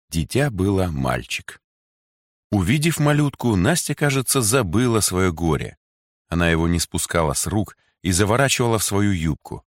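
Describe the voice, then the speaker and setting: Lively low-voiced male story reader. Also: no echo, studio quality. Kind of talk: reading a classic story aloud.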